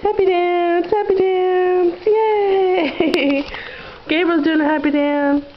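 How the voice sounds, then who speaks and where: A woman's voice: very high-pitched, fairly even intonation, takes it slowly. A mother filming her children at home, talking to them in a playful, sing-song way, heard through an old camcorder's built-in mic. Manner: playful, sing-song talk to babies and toddlers. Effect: old camcorder audio. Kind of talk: home video chat. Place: living room at home. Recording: muffled noisy old camcorder audio.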